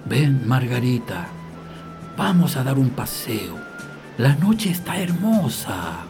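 Slow, windy whispering grandfather spirit played by an actor. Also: mid-range voice, big pitch swings, over music. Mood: coaxing, gentle. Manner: slow, drawn-out, mysterious calling. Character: gentle old grandfather who is part of the wind. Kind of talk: audio drama acting.

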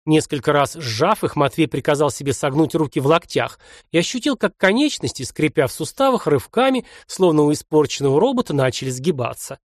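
A man narrating an audiobook in an expressive storytelling way on a close mic. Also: fairly high pitch, fairly quick, dry recording. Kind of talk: scripted narration.

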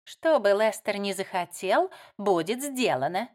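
A woman reading aloud voices a spiteful, sarcastic young woman who mocks and shouts insults. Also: medium pitch, animated, unhurried, natural voice. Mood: sneering.

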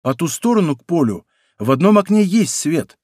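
A man's voice: fairly high pitch, sing-song, normal speed, a little mellow, dry recording, clean studio sound, pitched above the performer's own voice. A man doing an eager, wary manservant. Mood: alert. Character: loyal male servant, practical and wary. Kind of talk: audiobook character voice.

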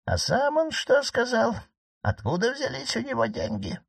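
A poised old marquise speaks with quiet irony, her tone lifted high and moving freely up and down, as a male narrator puts her on. She is composed and gently mocking, in a dry, close audiobook reading. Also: very animated, moderate pace, vocal fry, slightly rough, no room sound, full character voice. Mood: probing. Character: calm, ironic elderly aristocratic aunt, a marquise.

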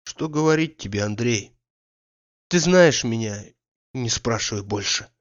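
A man reading the part of a weary, timid grown man who answers quietly and pleadingly, in a slightly dull recording. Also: medium pitch, unhurried, natural voice. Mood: sad.

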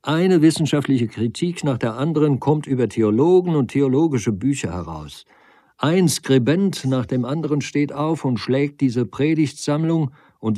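A man's voice: medium pitch, dry recording, pitched above the performer's own voice, natural voice. A man reading an irritable, indignant doctor. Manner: sharp, indignant. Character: irritable, short-sighted male doctor, quick-tempered.

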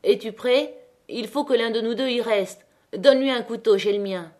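A woman's voice: fairly high pitch, normal speed, darkish tone, natural voice. A woman reading aloud voices a young male miner leader, speaking in a hard, commanding tone. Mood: menacing.

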